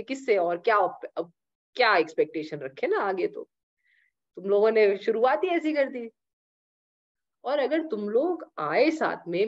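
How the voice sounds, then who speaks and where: Brief: woman scripture teacher, animated storytelling, mid pitch, muffled lo-fi audio. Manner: animated, mixes English asides.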